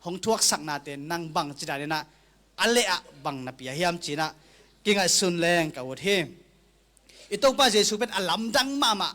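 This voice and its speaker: A man preaching a sermon slowly and deliberately, sometimes closing a thought with an amen. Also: sits high, expressive, pushed and bright. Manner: slow, deliberate preaching with frequent amens.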